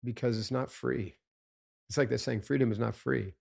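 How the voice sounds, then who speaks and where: A man's voice: medium pitch, steady tone, moderate pace, creaky, a little mellow. A man, a guest on a podcast interview, talking in an emphatic coaching tone and often asking "right?".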